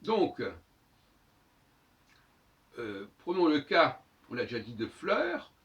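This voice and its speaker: A man's voice: a little high, big pitch swings, takes it slowly, fairly bright tone. A man giving a spoken monologue lesson, teaching by repeating words over and over to sound them out. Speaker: lecturer on language and astrology. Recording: dull audio from a distant mic.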